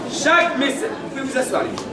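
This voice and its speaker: Male town crier, playful and declamatory, high voice, heard from off in an echoey space with crowd behind. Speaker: town crier hosting a street event. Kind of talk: town crier's theatrical public proclamation. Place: public gathering with an audience. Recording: echoey, distant mic in a crowd.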